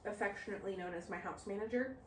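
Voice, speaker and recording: A woman's voice: mid-range voice, fast talker, echoey room, slight background noise. Chatty woman in her late twenties. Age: late 20s. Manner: chatty, giggly, teasing. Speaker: podcast co-host. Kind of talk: casual chat.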